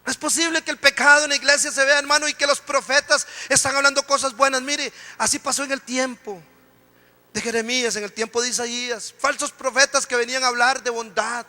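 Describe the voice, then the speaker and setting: A man's voice: extremely high pitch, fairly even intonation, fairly quick, bright, forceful tone. A man pastor preaching a sermon, impassioned, often calling the congregation "brother". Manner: impassioned preaching, repeated "hermano" address. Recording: long hall reverb.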